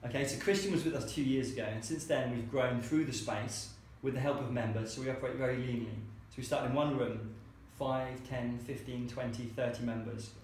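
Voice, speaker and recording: A man who started a co-working space chats through anecdotes in an interview, acting out the words of the people he quotes. His medium-pitched, slightly mellow voice has fairly even intonation and moves fairly quickly with few pauses. Heavy echo and a faint hiss mark the recording.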